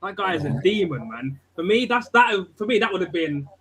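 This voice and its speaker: Animated slangy man on a football panel. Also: high voice, brisk, husky. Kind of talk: casual football chat.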